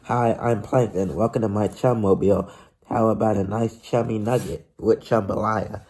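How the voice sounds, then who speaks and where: A man's voice: fairly low pitch, steady tone, moderate pace, darkish tone, slightly rough. A man voicing a tiny, scheming one-eyed male creature who wheedles and grumbles. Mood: wheedling.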